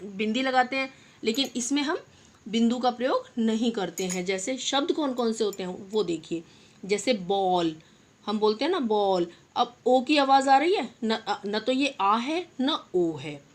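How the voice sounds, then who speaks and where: Woman teacher, patient, slow careful repetition, slightly high voice, talking to small kids. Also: animated. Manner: patient, addresses pupils as "beta", repeats example words slowly. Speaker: primary school teacher. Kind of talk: online Hindi lesson for young children.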